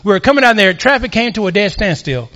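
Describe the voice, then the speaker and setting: Guy preaching a sermon, high voice, gets loud and fervent telling his story. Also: very animated, fast. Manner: fervent preaching that builds in volume. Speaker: pastor. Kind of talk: sermon with personal testimony.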